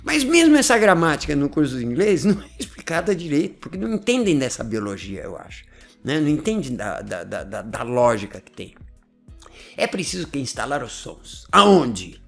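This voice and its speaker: A man's voice: on the high side, sing-song, moderate pace, creaky, faint music behind. A man, hosting a casual explanatory talk. He is chatty, laughs often, and keeps checking in with his listeners. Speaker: host explaining language learning.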